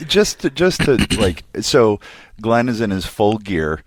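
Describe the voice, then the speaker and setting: A man's voice: on the low side, very animated, unhurried, dry recording. A man interviewing guests, teasing them with questions and laughing often. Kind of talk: casual interview chat.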